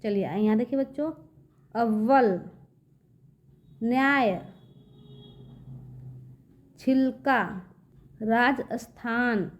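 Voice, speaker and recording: High-voiced woman teaching children to read. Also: echoey room. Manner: patient, repeats words slowly and addresses children often. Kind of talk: children's reading lesson.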